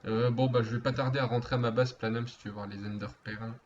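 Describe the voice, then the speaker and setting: A man's voice: mid-range voice, fairly even intonation, fast. A man streaming a game, chatting and joking in a rambling, playful way. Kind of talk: casual gaming chat. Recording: dull lo-fi stream audio with faint hiss.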